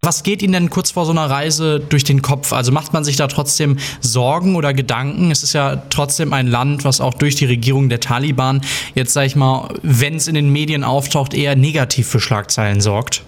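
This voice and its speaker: A man's voice: mid-range voice, fairly quick, no room sound. A man hosting a radio show and interviewing a guest, with a polished, upbeat presenter delivery. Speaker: radio host. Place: radio studio. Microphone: studio mic.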